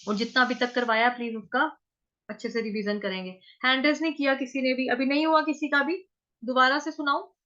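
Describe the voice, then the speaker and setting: High-voiced woman teacher, slow and bright, going over each syllable again and again, dull lo-fi sound. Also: steady tone. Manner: slow syllable-by-syllable drilling, repeating words many times. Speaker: Sanskrit recitation teacher. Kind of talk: online chanting class. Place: online class.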